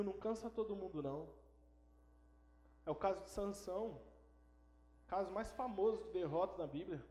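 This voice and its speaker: Man, pastor, emphatic sermon, high voice, echoey church room. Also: dark tone. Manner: emphatic preaching, repeats words for stress.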